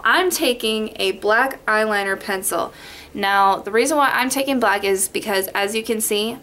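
With a medium-pitched, fairly bright voice, a young beauty vlogger from Las Vegas rambles and chats through a makeup tutorial. She's in her bedroom at home, speaking to a webcam directly in front of her.

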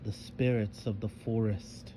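A mysterious ghostly old man, put on by a male storyteller, speaks in solemn, archaic phrases. His voice stays mellow and unhurried, heavy with regret. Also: mid-range voice, slight background noise, lightly acted. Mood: brooding.

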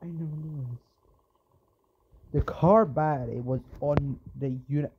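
A man's voice: on the high side, measured pace, slight background noise. Guy doing let's play commentary, rambles and begs the game character, muffled lo-fi sound. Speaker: gamer.

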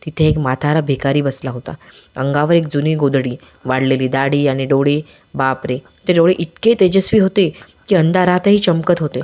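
A storyteller giving a scripted devotional story narration in a measured, dramatic way. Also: medium pitch, a little mellow.

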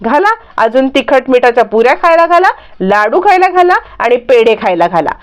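A woman voicing an angry, sharp-tongued young mother who scolds and snaps in a story retelling. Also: on the high side, sing-song, normal speed, clear, resonant tone. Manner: snapping, scolding.

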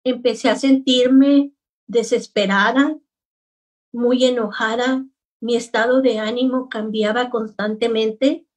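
A middle-aged woman, a grieving mother, telling her story slowly and haltingly in an interview. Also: a little high, fairly even intonation, distant mic. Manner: slow, halting, heavy with grief. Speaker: guest, bereaved mother. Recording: voice from away from the mic.

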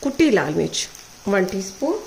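A woman, hosting a cooking show, calmly talking through a recipe step by step. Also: mid-range voice, normal speed, vocal fry, a little hiss or hum, rough recording. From Pakistan. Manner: calm, methodical, checks in with "ठीक है". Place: home kitchen. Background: frying and stirring sounds.

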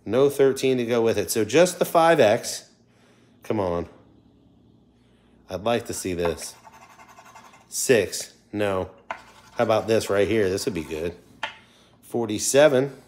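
A man's voice: on the low side, expressive, takes it slowly, long pauses, a little mellow. Chatty middle-aged man, some background noise. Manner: chatty, addressing viewers. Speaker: livestream host scratching lottery tickets. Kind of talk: casual livestream commentary. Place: indoors at a wooden table.

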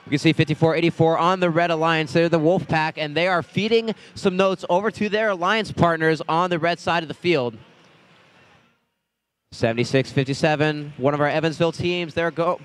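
A man's voice: on the high side, clean tone. Man calling robot match play-by-play. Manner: steady running call of team numbers and scores. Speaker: match announcer. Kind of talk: live play-by-play commentary. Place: robotics competition venue.

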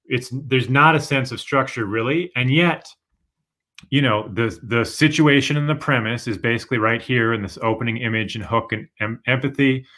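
Using a webcam video call from his home, a young man co-teaches an online writing workshop, explaining patiently while hedging with "sort of" and "kind of." As the instructor, he speaks with a mid-range voice at a moderate pace in a sharp tone.

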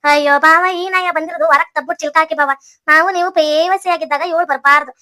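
A teasing, spiteful young woman in a cartoon, voiced by a woman. North Karnataka Kannada accent, a very high, bright voice that runs fast. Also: steady tone, no room sound, clean studio sound. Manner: teasing, gloating whisper-like.

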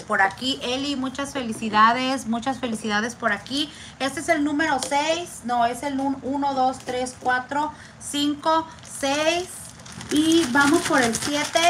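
A woman vlogger runs a giveaway raffle in a slightly high voice, chatting casually and drawing out names at a slow, unhurried pace. A faint background hiss sits under her voice. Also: a bit bright, rough recording. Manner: slow, chatty, drawn-out name reading. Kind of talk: casual live raffle chat.

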